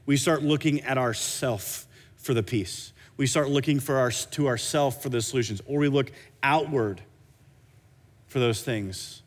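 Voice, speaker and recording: A man delivers a sermon from the pulpit at a middling pitch. He preaches in an animated way, often restarting and repeating words mid-phrase. A long hall reverb trails behind every line. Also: unhurried. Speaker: pastor.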